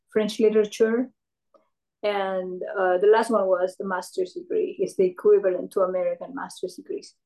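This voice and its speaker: A retired professor from Peru, an older woman, thoughtfully recalls her career in an oral history interview with many pauses and fillers. Her medium-pitched voice is gravelly and dark-toned, and the recording quality is low.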